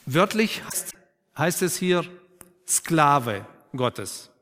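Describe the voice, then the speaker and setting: Slightly high-voiced preacher in a reverberant church. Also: male voice, sing-song. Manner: asks the congregation questions and affirms their answers; slows and drops to a quiet, emphatic tone for key points. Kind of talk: sermon. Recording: long reverb of a church hall.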